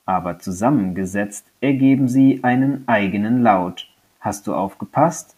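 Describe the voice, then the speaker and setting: A man teaching a remote primary school lesson, gently addressing a young child after a read-aloud story. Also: lowish voice, normal speed.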